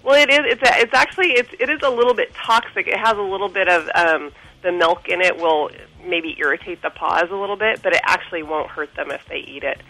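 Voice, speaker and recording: A woman's voice: on the low side, fairly quick, pushed and bright, poor audio. A woman guest author explaining pet safety in a radio interview over the phone, chatty with some ums.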